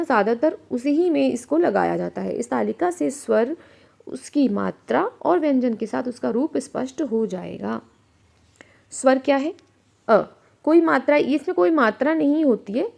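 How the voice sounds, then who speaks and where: A woman teaching a grammar lesson for children. She asks questions and answers them herself, and she slows down to sound out letters and example words. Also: on the high side, vocal fry, a little mellow.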